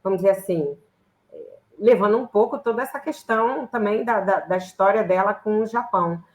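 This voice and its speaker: A woman's voice: mid-range voice, brisk, a little mellow, poor audio. Woman host, chatty, asks loose questions. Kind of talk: live interview hosting.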